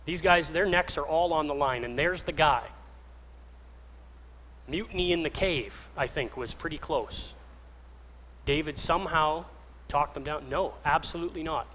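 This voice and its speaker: A man preaching a sermon, telling the story with lively acted-out voices, from soft whispers to raised passages. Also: fairly high pitch, measured pace, long pauses. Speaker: pastor. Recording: reverberant hall with faint ambient noise.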